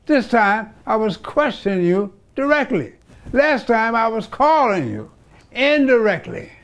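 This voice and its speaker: A man's voice: extremely high pitch, very animated, unhurried, highs cut off, heavily acted. An actor playing a stubborn middle-aged father who scolds and grumbles at his son. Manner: scolding, repeats calls, shouts the name. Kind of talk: comedy sketch acting.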